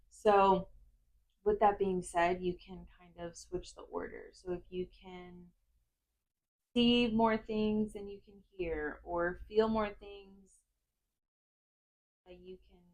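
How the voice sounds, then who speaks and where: Calm woman explaining a grounding exercise. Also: mid-range voice, rough recording. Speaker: therapist explaining a grounding technique.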